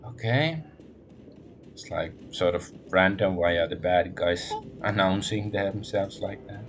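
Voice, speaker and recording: A man streaming a video game, reading its text aloud in a relaxed way and thinking aloud with small fillers. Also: deep voice, a little slow, slight background noise.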